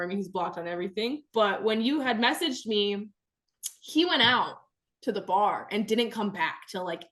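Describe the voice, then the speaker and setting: A young adult woman, a podcast guest, telling stories in casual chat, animated and laughing often as she acts out quotes. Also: mid-range voice.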